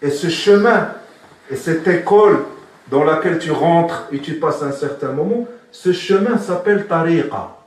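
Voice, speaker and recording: A man's voice: fairly high pitch, animated, unhurried. A man giving a spoken religious lesson as a sheikh, asking his listeners questions and repeating his key points. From Morocco. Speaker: sheikh teaching Sufism. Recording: very echoey room, from far off.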